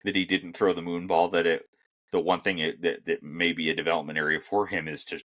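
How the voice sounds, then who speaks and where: A man's voice: low voice, level tone, brisk, a bit bright. A young man co-hosting a casual sports podcast, emphatic and profane when he gets worked up. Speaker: podcast co-host.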